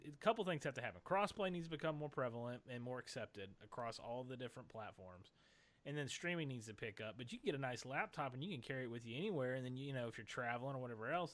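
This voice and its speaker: A man's voice: medium pitch, fast, fairly bright tone. A man, co-hosting a casual chat podcast and talking in a rambling way with many restarts. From Tennessee, USA. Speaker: podcast co-host.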